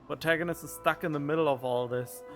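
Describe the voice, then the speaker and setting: A man reads game text aloud and reacts to it during a casual gaming stream. His voice sits on the high side, steady in tone and quick. He's on a close studio condenser mic, with game music behind him.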